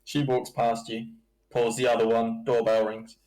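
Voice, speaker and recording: A man running a tabletop game as dungeon master, narrating in a slow, halting way with chuckles. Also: mid-range voice, monotone, a little mellow, rough recording.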